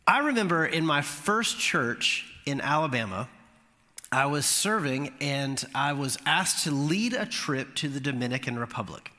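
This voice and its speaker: Bright-voiced male pastor telling a story. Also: measured pace. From Florida. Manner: animated storytelling, voice climbing high at punchlines. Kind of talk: sermon storytelling. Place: church sanctuary. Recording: long hall reverb.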